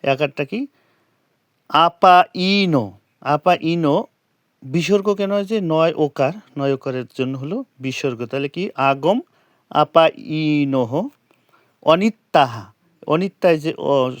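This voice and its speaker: Man slowly breaking down a scripture verse. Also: on the high side, no echo, clean studio sound. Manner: slow and careful, chanting verse lines syllable by syllable; asks rhetorical questions to the listener. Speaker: Gita teacher. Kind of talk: explaining scripture pronunciation and meaning.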